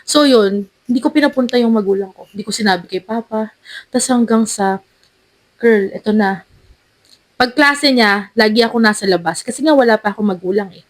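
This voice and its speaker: A high-pitched woman co-hosting a casual chat show, telling a story in a bright, animated rush. She keeps the tale moving and jumps into the voices of the people she describes. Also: normal speed. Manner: animated, lively storyteller who acts out quotes. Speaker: podcast co-host.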